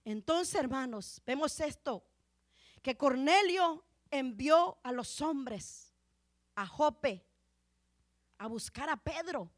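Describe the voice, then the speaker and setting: A woman preaching a fervent sermon in church. She calls out "hermanos" and "aleluya" again and again and rises to shouts on the key points. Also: high-pitched, dry recording, clean studio sound. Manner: fervent, drawn-out delivery, peppered with "hermanos" and "aleluya".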